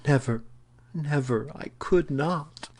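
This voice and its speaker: A man's voice: slow pace, darkish tone. A man reading the part of a cunning captive noblewoman who pleads theatrically. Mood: anguished. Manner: imploring, theatrical rises in pitch.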